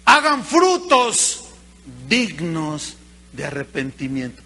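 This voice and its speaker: A man acting out a fiery male desert prophet who shouts and accuses the crowd. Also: high-pitched, expressive, moderate pace. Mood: fiery, accusing.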